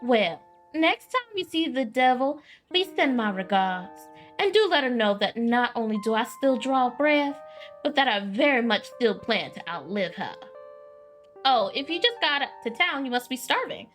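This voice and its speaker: A woman's voice: fairly high pitch, very animated, normal speed, a bit bright, faint music behind. A woman voicing a friendly, chatty small-town young woman with a folksy, theatrical manner. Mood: teasing.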